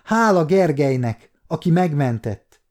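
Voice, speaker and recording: A man's voice: fairly high pitch, very animated, darkish tone. A man reading an audiobook, voicing a tearful young noble girl who cries out. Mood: relieved. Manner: tearful, crying out.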